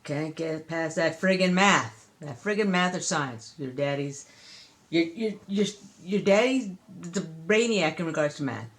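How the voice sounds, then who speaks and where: A woman's voice: sits low, lively intonation, measured pace. An older woman, a grandmother, chatting and teaching counting to a grandchild on a phone video. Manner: warm, chatty, sing-song counting.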